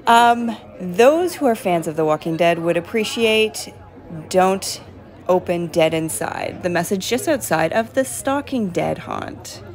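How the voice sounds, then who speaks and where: At night at a farm attraction, a woman real estate vlogger gives a casual tour, chatting upbeat selfie commentary into a phone held at arm's length. Her voice is lowish with lively intonation, and she takes her time.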